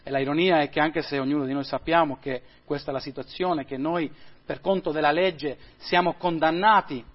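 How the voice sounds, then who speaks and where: A male pastor preaching a sermon and praying, emphatic and building to loud peaks, recorded with dull lo-fi sound. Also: fairly high pitch, steady tone, a little fast.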